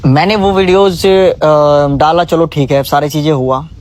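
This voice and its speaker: A man's voice: a little high, steady tone, unhurried, a little mellow, a little hiss or hum. A young man, venting in an emotional vlog, pleading and scolding by turns. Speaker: vlogger. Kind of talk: emotional direct-to-camera vlog.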